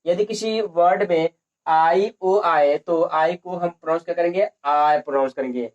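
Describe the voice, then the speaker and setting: A man's voice: fairly high pitch, normal speed, muffled recording. A man teaching a lesson on English pronunciation, repeating points and asking and answering his own questions.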